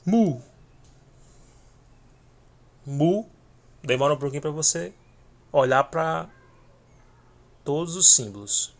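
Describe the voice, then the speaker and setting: A man teaching a video lesson, speaking slowly and repeating each letter name for learners to follow. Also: fairly high pitch, gravelly, a bit bright.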